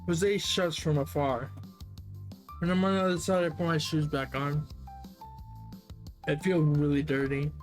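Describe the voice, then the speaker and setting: Live-stream game narrator; wry, muttering asides, faint music under the voice. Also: mid-range voice. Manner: sarcastic, swears and mutters asides. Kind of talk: live game read-through with commentary.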